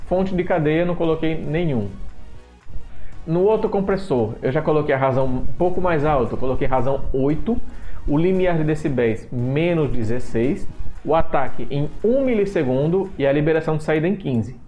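A man walking through his microphone filter settings in a screen-recorded software tutorial, often restarting phrases and repeating points as he goes. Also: fairly high pitch, lively intonation, moderate pace, lo-fi sound, faint music behind. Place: home room with street noise outside. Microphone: desktop microphone at a computer.

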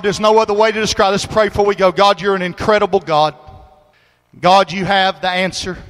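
Pastor with a bright, high voice. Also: male voice. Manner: folksy storytelling that rises into shouted preaching. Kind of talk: sermon. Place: church sanctuary. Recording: long hall reverb.

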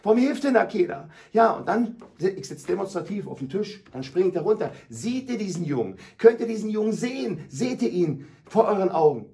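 Loud, dramatic man. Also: sits high, sing-song, fairly quick, few pauses. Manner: loud, dramatic, acts out scenes for listeners. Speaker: anti-bullying speaker visiting schools. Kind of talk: emphatic storytelling in a radio talk.

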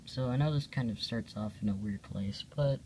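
Filmed at home on a handheld phone or camera pointed at the pages, a storyteller reads their own hand-drawn comic in a casual, hesitant way, full of self-corrections and apologies. The mid-range voice is darkish and moves at a normal pace, with slight hiss or hum.

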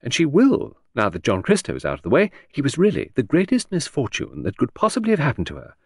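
A man's voice: medium pitch, wildly swooping pitch, fast talker, creaky, a little mellow, slightly rough, no echo, studio quality, voice pushed up, heavily acted. A man voicing a flighty older aristocratic lady who chatters and rambles breezily. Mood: airy.

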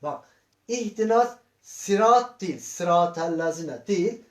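A man teaching Quran reading in a slow lesson, sounding out syllables one by one and asking his students patient questions. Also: high voice, lively intonation. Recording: echoey room.

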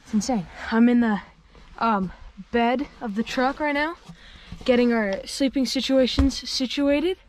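Holding an action camera at arm's length on a windy mountaintop, a teenage boy records a casual outdoor vlog in an extremely high-pitched voice. He talks unhurriedly yet stays excitable, full of slang and frequent exclamations. The camera's outdoor audio is noisy.

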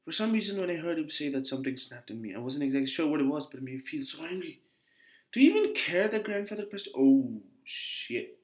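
Male gamer, mid-pitch, reads and comments animatedly; echoey room. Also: quick pace. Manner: animated reading, breaks off into chatty asides. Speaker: gamer reading an otome game aloud. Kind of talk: reading dialogue with commentary.

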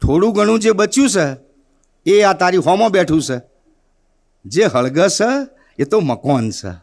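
A man voicing an eccentric, unbothered village 'madman', teasing and calmly philosophical in a lower register. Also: measured pace.

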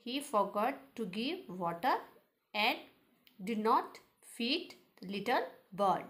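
A woman with an Indian English accent teaches young students from a textbook. She reads in a fairly high voice, very slowly and one word at a time. Then she explains each line again in simple words. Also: very animated, fairly bright tone. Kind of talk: reading aloud and explaining a textbook lesson.

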